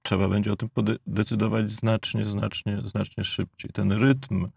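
A man in his fifties with a Polish accent, a debate guest who speaks in a measured way with stammering restarts, on a lapel mic in a studio. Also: lowish voice, level tone, creaky, darkish tone, slightly rough, no room sound. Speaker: debate guest, geopolitical analyst. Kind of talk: panel debate. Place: studio with blue backdrop.

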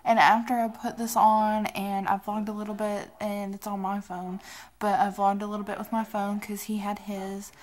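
A woman's voice: mid-range voice, flat delivery, normal speed, a little mellow. A woman in her twenties rambling casually to camera in a vlog, sounding sick, tired and drowsy. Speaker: vlogger. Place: small cluttered bedroom, indoors.

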